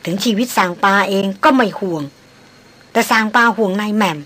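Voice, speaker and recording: A woman's voice: mid-range voice, moderate pace, fairly bright tone, natural voice. A woman voicing a loyal, devoted male servant who speaks earnestly and pleadingly in an audiobook. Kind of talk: audiobook character voice.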